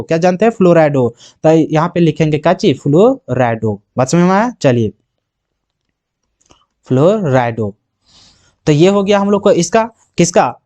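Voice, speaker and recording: Male chemistry tutor, slightly high voice, repetitive question-and-answer drilling. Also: a little mellow. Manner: asks rhetorical questions and answers them himself; keeps checking if students understood. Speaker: chemistry teacher. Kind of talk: exam-prep lesson.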